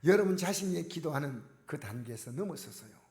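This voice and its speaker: A man preaching a sermon to his congregation, emphatic and direct, swinging between loud exclamations and near-whispers. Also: a little high, animated, brisk. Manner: addresses the congregation directly with repeated questions. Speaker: pastor. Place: church sanctuary. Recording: echoey church hall with long reverb.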